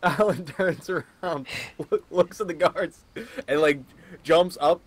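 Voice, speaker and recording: A man's voice: a little high, takes it slowly, breathy edge, dry recording. Man narrating his rogue's moves. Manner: describes actions in third person, hesitant. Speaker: player. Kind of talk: narrating his character's actions.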